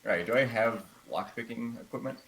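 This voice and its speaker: A man's voice: mid-range voice, moderate pace, background noise. A man playing a tabletop game, talking casually and asking the game master many questions. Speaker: player.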